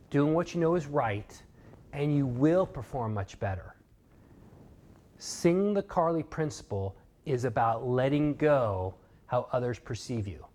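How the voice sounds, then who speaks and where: A man's voice: mid-range voice, darkish tone. A man giving a motivational course lecture, telling a fable in an earnest, emphatic storytelling way. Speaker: motivational speaker.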